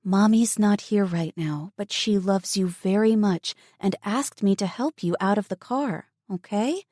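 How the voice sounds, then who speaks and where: A woman reading an audiobook voices a kind teenage girl who talks in a soft, sweet, coaxing tone. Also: mid-range voice, measured pace, no room sound, studio quality, voice pushed up, natural voice. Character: kind teenage girl soothing a scared toddler.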